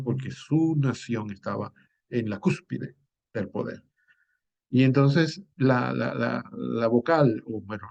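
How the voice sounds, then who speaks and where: A man, a teacher giving a classroom lecture. He explains at an unhurried pace, often pausing on "eh" and restarting his words. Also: mid-range voice, a little mellow. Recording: dull lo-fi recording.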